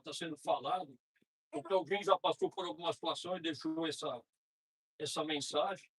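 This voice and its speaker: Brazilian man, spiritist lecturer, husky voice, chatty, tag questions, slow prayer readings. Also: high voice, low-quality recording. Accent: Brazilian Portuguese. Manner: conversational, frequent tag questions, slows to read prayers. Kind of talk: informal spiritist talk.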